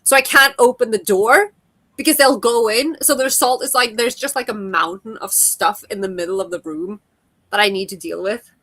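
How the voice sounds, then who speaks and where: A woman's voice: a little high, normal speed, sharp tone. A woman co-hosting a podcast in loose, casual conversation. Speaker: podcast co-host. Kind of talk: casual chat.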